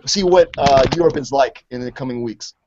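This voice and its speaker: A man hosting a college radio interview, relaxed and joking, always saying "you know what I'm saying". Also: mid-range voice, brisk, background noise. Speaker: radio show host. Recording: dull lo-fi radio recording.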